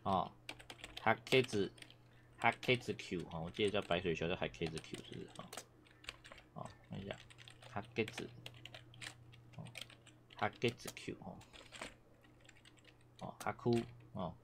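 A man's voice: low voice, unhurried, pauses often, noisy background. A man teaching Japanese in a casual classroom lecture, rambling and repeating himself with many fillers, coughing now and then.

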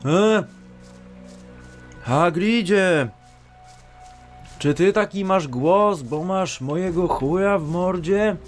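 A man's voice: high-pitched, drawn-out words, long pauses, soft background music. A man doing a smug, sleazy Dumbledore parody. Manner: smug, mocking, leering. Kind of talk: parody voice dub.

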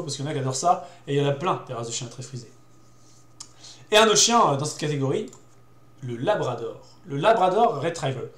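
A man's voice: mid-range voice, slight background noise. A young man explaining in casual, hesitant talk as a show host, with many fillers, repeated words and youthful slang. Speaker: host presenting dog breeds. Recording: roomy echo.

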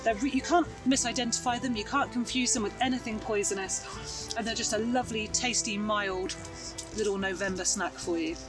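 Teaching about wild plants outdoors along a hedgerow lane and through woodland, a woman in her thirties explains things in a bright, chatty, eager way. Her mid-range voice is brisk, heard at a distance over music in a low-quality recording.

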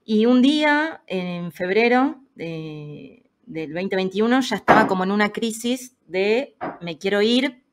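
A woman in her thirties with an Argentine Spanish accent, a podcast guest telling a personal story in a lively, casual way and acting out the voices of people she quotes. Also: mid-range voice, slow pace, hardly any pauses.

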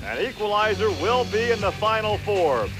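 Male race announcer, high voice, steady informative calls, music underneath. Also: moderate pace. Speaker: play-by-play announcer. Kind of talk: sports commentary.

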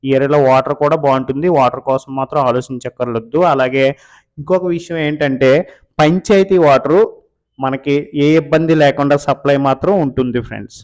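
A man's voice: medium pitch, fairly quick, darkish tone. A man hosting a real estate video, giving a casual walkthrough of a house for sale in a Telugu accent from coastal Andhra Pradesh. He repeats himself and calls viewers friends. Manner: repetitive, addresses viewers as friends. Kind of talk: casual property walkthrough narration.

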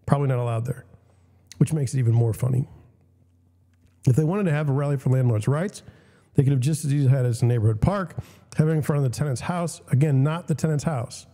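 A young man with a warm, medium-pitched voice talks at a quick pace in a large-sounding space, his voice scratchy and broken by a cough. As host of casual commentary, he reads out news and questions and bluntly gives his views, with many restarts.

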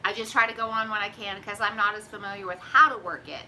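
Keto cooking host, middle-aged, drawl, bright and chatty, phone mic in a home kitchen. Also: female voice, medium pitch, fairly even intonation, fast, slight background noise, poor audio. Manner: chatty, folksy, drawls "y'all". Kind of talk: casual live-stream chat. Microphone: phone camera at arm's length.

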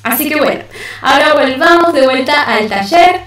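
A woman teaching a bilingual English workshop, repeating words slowly for learners to echo. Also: high voice, expressive, a bit bright. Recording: roomy echo.

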